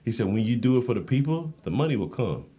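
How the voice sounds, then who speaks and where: A fast-talking man from the United States with a medium-pitched voice tells anecdotes as a podcast guest. An endurance coach and Marine, he keeps things casual and animated, acting out whatever people said.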